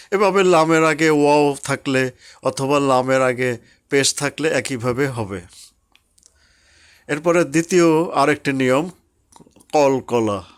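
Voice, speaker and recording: Man, unhurried lesson, patient recitation teacher, stretches example words. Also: mid-range voice. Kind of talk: slow explanatory tajweed lesson.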